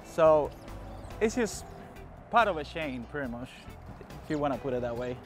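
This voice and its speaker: A man's voice: a little high, lively intonation, normal speed, faint music behind. A man in his thirties from Cuba, chatting casually and easily on a small fishing boat outdoors. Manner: laid-back, short replies. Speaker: guest angler. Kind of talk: casual chat.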